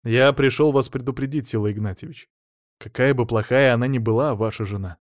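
A man doing a quiet, wry investigator. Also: medium pitch, fairly quick, no echo, studio quality, natural voice. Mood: probing. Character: calm, probing male private investigator.

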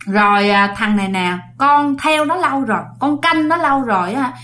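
A woman's voice: sits high, animated, moderate pace, pushed and bright. A woman voicing the ghost of a young male soldier who speaks bluntly through a possessed man. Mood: pleading. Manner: blunt, scolding, rough-talking.

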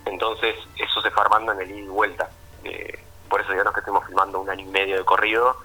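Fast and flat, a low, slightly rough voice with a sharp tone belongs to an Argentine-accented documentary filmmaker being interviewed over a phone line. He answers casually, explaining informally and checking with little tag questions.

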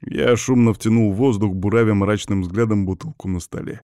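A man narrating a first-person audiobook in an even, gruff storytelling voice. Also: lowish voice, moderate pace, no room sound, clean studio sound.

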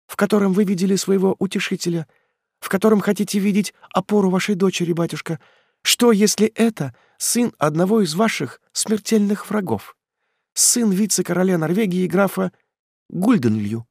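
A man voicing a frightened, devoted young daughter in an audiobook, speaking in a high, pleading tone. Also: normal speed, vocal fry, darkish tone, slightly rough, dry recording, studio quality, full character voice. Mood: anxious. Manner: pleading, anxious.

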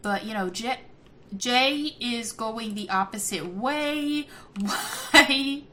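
A woman's voice: a little high, very slow. Chatty giggly young woman playing a game. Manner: chatty, giggly, easily excited. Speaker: gameplay commentator. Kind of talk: casual gameplay commentary.

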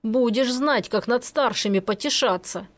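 A burly old forest robber growls and scolds in a slow, heavy drawl, as a woman reads him. His voice stays rather high for a big man, and every word comes out grumbling. He is a storybook character in an audiobook. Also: close to an everyday voice. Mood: scolding. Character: gruff burly older male forest robber.

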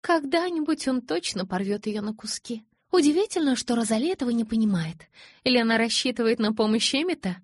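A woman reading an audiobook, voicing a lively young female vampire in a breathy, sing-song voice. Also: on the high side, brisk, dry recording, clean studio sound, pitched above the performer's own voice. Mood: worried. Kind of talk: audiobook character voice.

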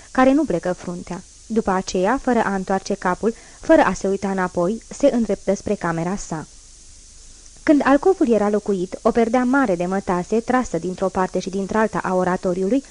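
A woman narrating a classic novel as an audiobook, in a measured, even reading voice. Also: medium pitch.

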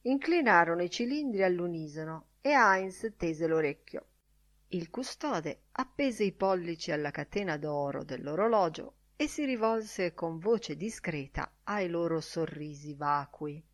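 A woman reading a classic novel aloud in measured audiobook narration, lifting her voice for the quoted characters. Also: lowish voice, lively intonation. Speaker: audiobook reader.

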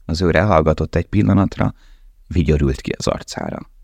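Deep gravelly guy narrating an audiobook, steady, dry close sound. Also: dry recording. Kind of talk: scripted narration.

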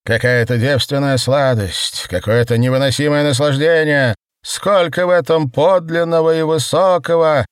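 Man doing a hoarse, wheezing grotesque woman. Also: a little high, normal speed, no echo, studio quality, pitched above the performer's own voice, natural voice. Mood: exalted.

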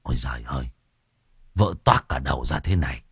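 A man voicing a stern older village healer and sorcerer who scolds gruffly and barks orders, in an audiobook story. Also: very deep voice, animated, brisk, voice pushed down. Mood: gruff scolding.

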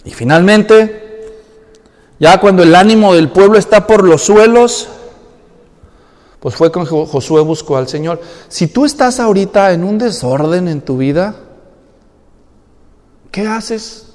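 Pastor preaching in a reverberant hall. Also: male voice, high voice, expressive, unhurried, long pauses, a little mellow. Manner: dramatizing Bible characters in colloquial voices. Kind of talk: sermon.

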